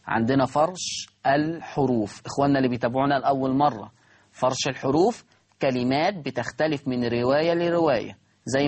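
A man with an Egyptian accent teaching Quran recitation, repeating words slowly to show how they sound and asking his listeners rhetorical questions. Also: on the high side, husky. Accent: Egyptian Arabic. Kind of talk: recorded recitation lesson.

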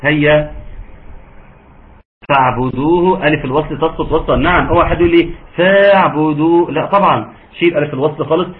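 A man with an Egyptian accent teaching a tajweed lesson, patient and encouraging, sometimes slowing into drawn-out recitation. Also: on the high side. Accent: Egyptian Arabic. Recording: narrow phone-like audio, faint hiss.

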